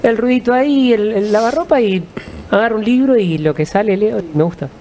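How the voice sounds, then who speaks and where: A man with an Argentine accent, a musician guest, answering in a calm, reflective storytelling way. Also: high-pitched, fairly quick, a little hiss or hum. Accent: Argentine Spanish.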